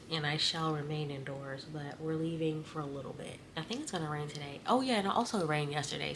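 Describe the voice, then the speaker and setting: A woman vlogging casually about her reading at home, chatty and animated as she talks straight to her viewers. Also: sits low, noisy background. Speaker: book vlogger. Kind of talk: casual vlog chat. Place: indoors at home.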